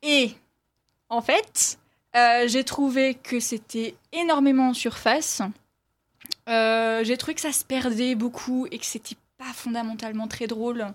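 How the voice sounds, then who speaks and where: A woman's voice: on the high side, fairly even intonation, a little slow. A woman reviewing a film in casual talk, hesitant, with many fillers and restarts.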